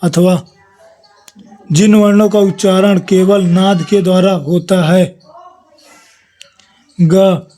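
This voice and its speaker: A man's voice: high-pitched, fairly even intonation, slow pace, long pauses, warm tone. A man giving an exam revision lesson, reading his notes aloud and listing letters one by one. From India. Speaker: teacher.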